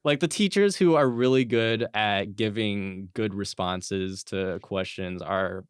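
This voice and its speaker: A young adult man hosts a podcast in a casual chat, rambling, stammering through restarts and saying "like" a lot. His voice is on the low side and slow with a clean tone, recorded at studio quality with no room sound.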